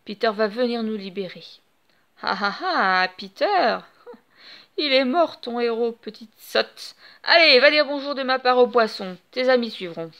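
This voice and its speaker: A sneering, boastful pirate captain from a storybook, spitting threats and mockery in a raised, high voice, as a woman reads him aloud. He sounds pleased with his own cruelty. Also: lively intonation, a little slow, fairly bright tone. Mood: mocking. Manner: mocking, threatening.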